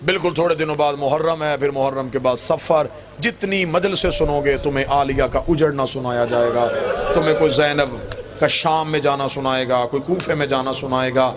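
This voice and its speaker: A man's voice: mid-range voice, brisk. A man preaching a mourning sermon from the pulpit, telling the story in emotive rhythmic lines. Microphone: pulpit microphone. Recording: noisy live gathering recording.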